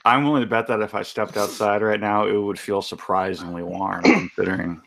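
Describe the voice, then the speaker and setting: Gravelly-voiced man on a voice chat. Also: fairly low pitch, level tone, a little fast, crowd noise. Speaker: guest in a voice chat. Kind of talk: casual voice chat.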